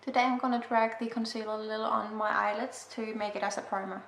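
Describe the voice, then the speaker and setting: A young Icelandic woman, speaking English as her second language, chats casually through a makeup tutorial, tossing in self-deprecating asides. Her voice is fairly high and a little bright, with a steady tone and a quick pace. The makeup vlogger was recorded in an echoey room with a faint hiss.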